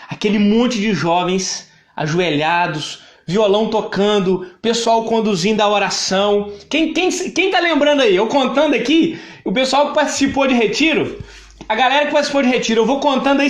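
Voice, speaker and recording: A man in his thirties with a Brazilian Portuguese accent, giving a personal testimony to live viewers, emphatic and repetitive, often greeting them by name. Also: extremely high pitch. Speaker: church speaker sharing his testimony. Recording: echoey room.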